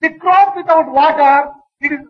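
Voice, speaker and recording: High-voiced man translating a sermon super slowly, muffled old recording. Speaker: interpreter. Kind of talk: consecutive translation of a discourse.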